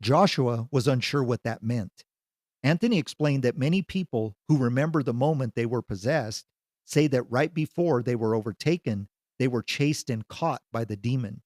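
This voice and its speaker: A man narrates a story in an even, measured reading voice. His voice sits in a middle register. The recording is dry and close, with no room sound. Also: mid-range voice, no echo.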